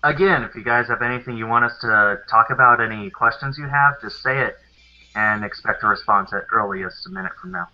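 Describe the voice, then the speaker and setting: Man, from the American South, live-stream host, casual rambling talk, many fillers, mid pitch, muffled low-fidelity sound. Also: animated, a little fast. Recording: dull lo-fi sound.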